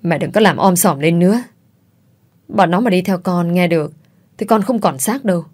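A desperate young husband in debt, as a woman reader plays him, pleading and defensive in a lowish voice. Storybook family drama. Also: normal speed, a little mellow, slightly rough. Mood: urgent.

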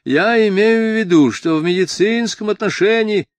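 A man reading an audiobook, voicing a timid, fussy school headmaster in a bleating falsetto. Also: normal speed, dry recording, lightly acted. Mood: prim, timid. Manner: bleating, prim.

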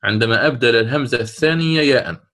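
A middle-aged man teaching Quran recitation rules, explaining a poem step by step and slowing to chant the quoted verses. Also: medium pitch, fairly bright tone. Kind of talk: classroom lesson explaining a didactic poem.

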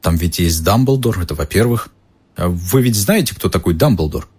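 Earnest worried boy wizard, husky voice, low, read by a male narrator. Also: animated, normal speed, a little mellow. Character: worried, stubborn schoolboy wizard.

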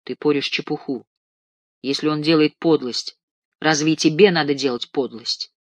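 A man's voice: fairly high pitch, fairly even intonation, moderate pace, no echo, close to an everyday voice. A man voicing a stern weary patient. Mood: reproachful. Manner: firm, reproachful.

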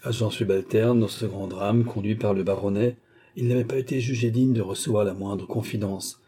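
A man reading a classic novel aloud as audiobook narrator, steady and measured. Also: fairly low pitch, slightly rough.

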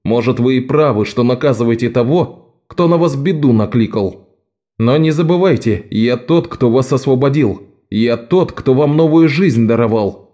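A man voicing a desperate, quick-talking male con man in an audiobook, pleading and insistent. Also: mid-range voice, lively intonation, mellow, natural voice. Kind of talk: audiobook character voice.

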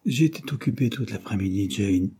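Worried father, deep voice, breathy, anguished, evasive, a male narrator doing him. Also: expressive, normal speed, warm tone. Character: anxious, gravely worried father, Latin and Greek tutor.

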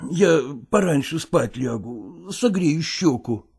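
A man reading an audiobook, voicing a middle-aged actor who pretends to be ill, groaning and slowly wheedling. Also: fairly high pitch, animated, creaky, a little mellow, slightly rough, voice pushed up, exaggerated voice. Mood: groaning evasive. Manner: groaning, drawn-out and slow, wheedling. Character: middle-aged male actor feigning illness, evasive.

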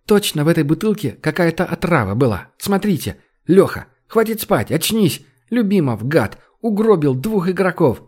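A woman's voice: fairly low pitch, sing-song, normal speed, hardly any pauses, darkish tone, breathy edge, voice pushed up. A man reading an audiobook, voicing a bossy young woman who is a team captain, in a raised, scolding voice. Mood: indignant.

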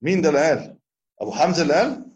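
A man's voice: fairly high pitch, sing-song, darkish tone, highs cut off. A man teaching a religious text to a class, joking casually with his students. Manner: fast, casual banter with students after formal recitation. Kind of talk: lecture on a creed text.

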